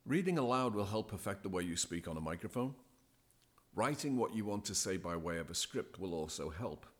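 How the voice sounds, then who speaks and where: A man speaking as a podcast guest, giving deliberate, emphatic advice as a DJ coach. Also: low-pitched, expressive. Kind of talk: measured, scripted-sounding advice.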